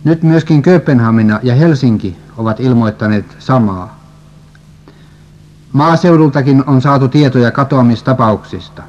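A man steadily reading a religious prophecy story and scripture aloud, at an even pace, on a dull lo-fi recording. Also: mid-range voice. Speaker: reader.

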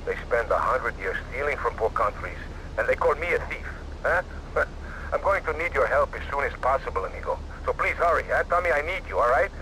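An actor playing a courtly, theatrical middle-aged colonel with a Latin American Spanish accent in a video game. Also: male voice, mid-range voice, expressive, fairly quick, slight background noise, low-quality recording. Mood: exasperated, pleading. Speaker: game character. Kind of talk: video game cutscene acting. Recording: game audio over loud vehicle ambience.

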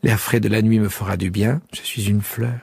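A man's voice: fairly low pitch, steady tone, normal speed, vocal fry, darkish tone, slightly rough, no echo, full character voice. A man voicing a proud, fragile female flower in an audiobook, tender while hiding tears. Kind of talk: audiobook character voice.

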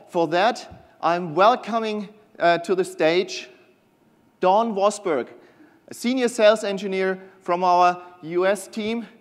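A middle-aged man delivers a conference keynote with eager, slightly halting enthusiasm. His voice sits a bit high, and a long reverb from the big hall trails every phrase. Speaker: keynote presenter, product manager. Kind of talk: conference keynote with scripted banter. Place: large conference hall stage.

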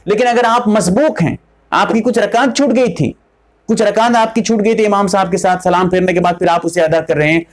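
Mufti lecturing on rulings, male, high-pitched, repetitive step-by-step teaching with slow chanted phrases. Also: darkish tone. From India. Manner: explains step by step, repeating points, chants takbeer slowly.

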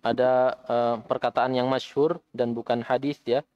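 A man's voice: medium pitch, flat delivery, moderate pace, highs cut off. A man teaching an Arabic language class in a mosque, patiently repeating students' answers and correcting them. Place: mosque study session.

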